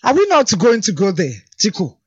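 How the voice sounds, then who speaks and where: A man in his fifties, co-hosting a radio show with teasing, animated banter. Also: sits high, normal speed, breathy edge, dull audio. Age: 50s. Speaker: radio co-host.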